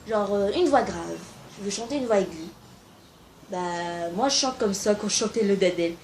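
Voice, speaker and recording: A woman's voice: mid-range voice, expressive, normal speed, darkish tone, a little hiss or hum. A young woman talking casually to camera and giving amateur singing tips, informal and a little hesitant, with frequent fillers.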